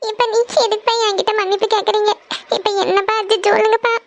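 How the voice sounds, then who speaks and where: A woman voicing a squeaky devoted cartoon daughter. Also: flat delivery, fast talker, dry recording. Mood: pleading. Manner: insistent, tearful pleading. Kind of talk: cartoon family serial voice acting.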